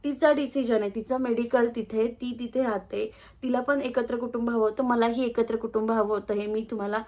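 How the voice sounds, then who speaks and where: A young woman with a Marathi accent talks straight to her viewers in a home vlog. She is emphatic and defensive as she answers their comments. Her voice sits a little high. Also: fairly even intonation, brisk, darkish tone. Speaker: vlogger. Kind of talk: casual vlog talk to camera.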